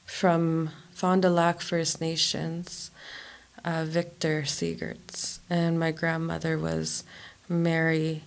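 Slow deliberate woman, low gravelly voice, pretty flat. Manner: slow, deliberate speech with pauses. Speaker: community programmer. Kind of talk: slow, measured podcast interview.

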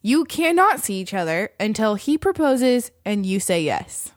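A woman's voice: mid-range voice, very animated, measured pace, no echo, clean studio sound. A woman co-hosting a casual chat, telling things informally with plenty of "like" and "literally". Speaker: podcast co-host.

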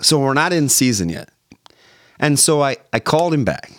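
A man's voice: mid-range voice, moderate pace, no room sound. A man, a podcast guest recounting a story and acting out the voices of people he spoke with. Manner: animated storyteller, acts out quoted phone calls. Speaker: podcast guest, former radio host. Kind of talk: casual storytelling interview.

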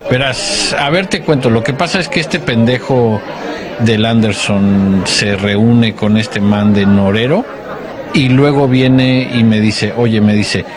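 Crude young guy as a man puts him on, slow and cursing, crowd noise behind. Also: mid-range voice, steady tone, pitched below the performer's own voice, natural voice. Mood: gossiping. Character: crude young man on a leaked phone audio, boastful.

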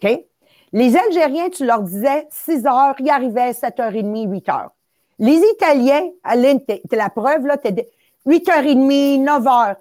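A middle-aged woman telling animated anecdotes on a talk show, often dropping English words into her French. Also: high voice, moderate pace. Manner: lively storyteller, mixing English words into French.

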